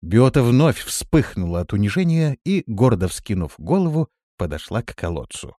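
A man reading an audiobook as narrator, with expressive delivery. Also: mid-range voice, moderate pace, dry recording, clean studio sound. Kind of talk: scripted narration.

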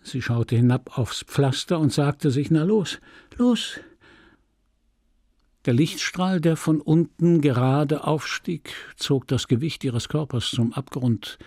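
A man reading a classic novel aloud as an audiobook, with dramatic, measured storytelling on a close studio mic. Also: medium pitch, a little mellow, no room sound. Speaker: audiobook reader. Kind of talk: literary audiobook narration.

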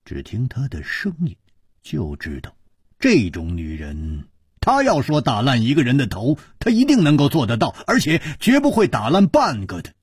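A man telling a long-form traditional story, unhurried and dramatic. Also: medium pitch, slightly rough, no room sound, clean studio sound. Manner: unhurried and dramatic, with lively rises and falls.

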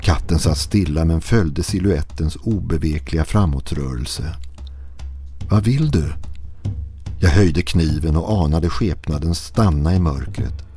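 A man narrating a listener's horror story in a slow, hushed, brooding manner. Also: rumbling low, soft background music.

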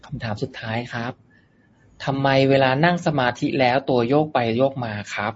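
A man's voice: mid-range voice, moderate pace. A man moderating a dharma talk, politely reading out listeners' questions to a monk. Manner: polite, reads questions aloud. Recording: dull lo-fi sound with faint noise.

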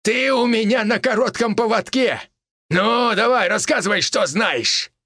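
A man voicing a crazed, cackling old village criminal with a shrill, gleeful, menacing way of talking. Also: a little slow, pushed and bright, no echo, studio quality, heavily acted. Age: older.

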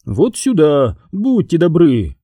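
A man's voice: fairly high pitch, huge pitch swings, slow, dark tone, husky, no echo, clean studio sound, heavily acted. A man reading an audiobook, voicing a bitter, theatrical young man who mocks and despairs. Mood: earnestly pleading. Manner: mocking, theatrical, swings to anguish. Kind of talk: audiobook character voice.

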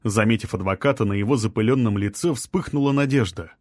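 A man narrating a story in a steady, tense storytelling delivery. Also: lowish voice, fast talker, no room sound, clean studio sound. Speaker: audiobook narrator. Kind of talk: scripted narration.

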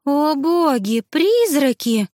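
Woman playing an excitable pouty young friend, storybook, raised pitch. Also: very slow, dry recording, studio quality, full character voice. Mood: excited.

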